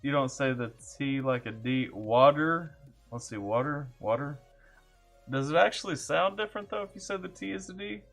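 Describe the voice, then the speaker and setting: A Kentucky man with a Southern accent, a music reaction streamer, chats casually on a live stream from his home computer setup, laid-back and jokey, reading chat aloud and greeting viewers by name. His medium-pitched voice is gravelly and fairly bright at a moderate pace, with faint music behind.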